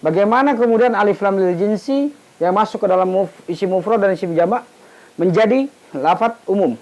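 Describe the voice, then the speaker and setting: This Islamic studies teacher speaks fairly fast in a high, creaky voice with a darkish tone. His lesson is casual and explanatory, built on posing questions and answering them, and he frequently goes back to finish words he only half said.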